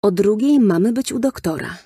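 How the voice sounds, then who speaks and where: A woman voicing a patient, gently firm mother in a children's audiobook, speaking calmly and reassuringly. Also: medium pitch, normal speed, breathy edge, dry recording, clean studio sound, voice pushed up. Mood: gentle. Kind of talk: audiobook character voice.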